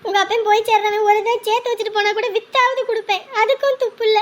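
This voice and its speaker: A scolding, weary mother in a family drama, played by a woman. Her voice sits very high and she talks sternly. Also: fairly even intonation, fast. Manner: scolding, then soothing. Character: weary mother lecturing her indebted grown daughter. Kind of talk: family web drama acting.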